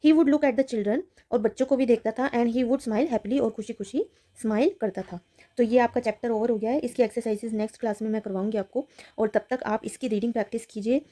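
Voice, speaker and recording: A woman teaching a children's reading lesson, reading lines slowly and then explaining them in Hindi. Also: a little high, fairly even intonation, warm tone. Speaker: English teacher.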